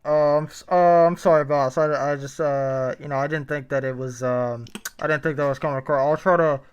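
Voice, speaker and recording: A man voicing an indifferent, stoned young male drive-thru worker, halting and full of uhs, as if heard through a drive-thru speaker. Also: a little high, steady tone, smooth. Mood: dazed apologetic. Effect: tinny drive-thru speaker voice. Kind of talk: improvised podcast comedy bit.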